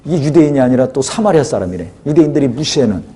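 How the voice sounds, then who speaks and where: Male pastor, sermon delivery, animated swooping intonation, warm mellow timbre, asks the congregation questions. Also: mid-range voice, racing, slight background noise.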